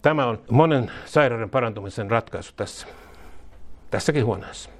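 Finnish-speaking man preaching with fervor. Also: mid-range voice. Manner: rising into loud repeated declarations, leading the congregation in prayer. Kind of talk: charismatic sermon with spoken prayer.

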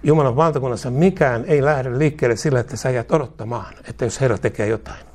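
Middle-aged male preacher, mid-pitched voice that climbs when urging the listeners. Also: darkish tone. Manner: rises in pitch and force when exhorting. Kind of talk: sermon.

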